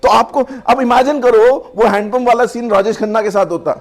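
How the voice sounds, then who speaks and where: A middle-aged man teaching personality development to a class in a lively lecture, mixing Hindi and English and acting out little scenes. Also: extremely high pitch, fairly quick. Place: classroom or training hall.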